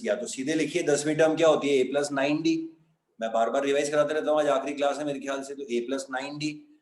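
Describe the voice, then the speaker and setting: A man's voice: mid-range voice, darkish tone. Man teaching maths in an echoey room. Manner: explains step by step, repeats key points. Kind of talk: classroom lecture.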